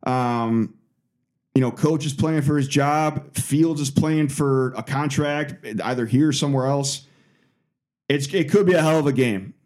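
A man's voice: mid-range voice, measured pace, a little mellow. A man co-hosting a sports podcast, talking in a loose, rambling way with lots of fillers. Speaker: podcast co-host. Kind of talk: casual sports chat.

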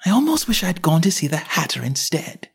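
A man voicing a polite, curious young girl, pitching his voice up into a prim questioning tone. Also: big pitch swings, a little fast, creaky.

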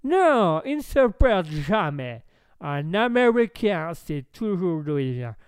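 A man voicing a loud, tipsy American man who keeps pushing champagne and calls people "old boy". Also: high voice, sing-song, slow pace, smooth, no room sound, studio quality, exaggerated voice. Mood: boisterous tipsy. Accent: fake American accent in French. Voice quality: boisterous, says "old boy".

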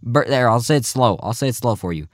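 A man's voice: mid-range voice, expressive, fast, no echo. Rambling young man, dry close mic. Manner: mock-serious, rambling, trails off quietly. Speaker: podcast host. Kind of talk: casual goofy podcast chat.

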